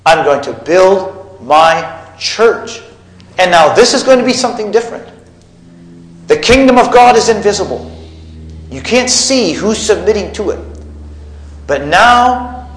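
Emphatic male preacher in an echoey room. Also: high-pitched. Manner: emphatic, rising loud on key points. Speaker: pastor. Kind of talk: sermon.

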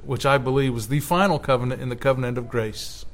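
A man's voice: medium pitch, quick pace. A man preaching a sermon in an earnest way, rising with emphasis when he quotes scripture. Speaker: pastor.

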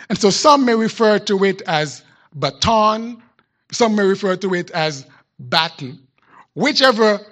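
Male pastor, higher register, unhurried reflective sermon delivery. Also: a bit bright. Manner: measured, reflective storytelling with deliberate pauses. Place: church sanctuary.

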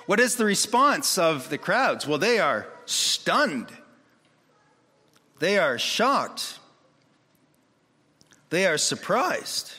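A man preaching a sermon in an animated way, acting out the voices of the people in his story. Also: high-pitched, very slow, pauses often, breathy edge. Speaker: pastor. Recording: long reverb of a hall.

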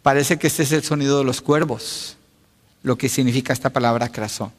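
A man's voice: mid-range voice, fairly even intonation, a little fast. A man preaching a teaching sermon, asking rhetorical questions and answering them himself. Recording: long reverb of a large hall.

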